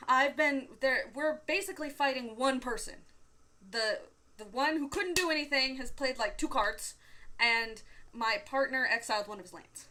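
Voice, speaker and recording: A woman co-hosting a casual podcast, telling stories in an animated way, swearing and laughing often. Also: high voice, normal speed, a little hiss or hum. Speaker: podcast co-host. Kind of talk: casual chat.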